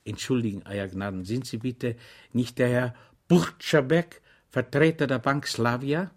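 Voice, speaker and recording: A man's voice: medium pitch, measured pace, close to an everyday voice. A man voicing a good-natured soldier orderly who talks amiably and rambles on deferentially. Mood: chatty.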